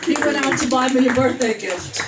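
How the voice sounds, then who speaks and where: A woman's voice: high-pitched, a little fast, over a noisy crowd. A woman in her seventies telling jokes at her own birthday party, chuckling at her own punchlines. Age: 70s. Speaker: birthday party joke teller. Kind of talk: casual stand-up joke telling. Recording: echoey room, far from the mic.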